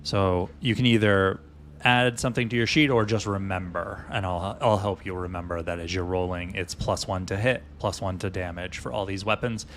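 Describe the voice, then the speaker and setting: A man narrating as dungeon master in a loose, halting way with many fillers. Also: low-pitched, fairly even intonation, a bit bright, a little hiss or hum. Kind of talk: narrating a tabletop game.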